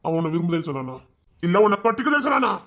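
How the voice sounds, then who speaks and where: Guy doing an ashamed hotheaded young village man, high voice, agitated. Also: big pitch swings, rapid-fire, fairly bright tone, heavily acted. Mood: exasperated. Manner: agitated, self-reproaching outbursts. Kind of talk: village drama acting.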